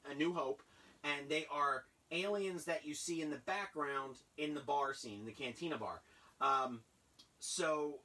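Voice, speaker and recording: A man in his thirties chatting casually and rambling with excitement as he unboxes old toys in a cluttered basement room. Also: a little high, far from the mic. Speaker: toy collector vlogger. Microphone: camera a few feet away.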